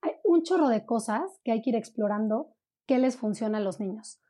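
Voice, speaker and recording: Woman, mellow tone, higher pitch; conversational guest. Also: lively intonation, moderate pace. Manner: warm explanatory, frequent "¿no?" tags. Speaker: parenting coach guest. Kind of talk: conversational interview.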